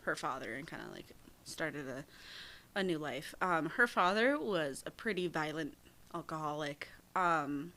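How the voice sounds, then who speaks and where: A young woman co-hosting a true-crime podcast in loose, casual chat. She giggles often and keeps restarting sentences with ums and likes. Her voice sits slightly low for a woman. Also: expressive, a little slow, pushed and bright. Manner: chatty, giggly, frequent fillers and restarts. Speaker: podcast co-host.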